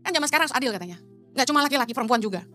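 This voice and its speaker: A woman's voice: on the high side, expressive, very fast, pushed and bright, soft background music. A middle-aged woman pastor, preaching in a blunt, emphatic way and dropping English phrases into her sermon.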